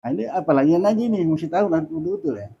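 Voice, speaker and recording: A man's voice: a little high, expressive, very fast, vocal fry, warm tone, lo-fi sound, a little hiss or hum. A man teaching a religious study class in a chatty way, asking questions and repeating dhikr phrases.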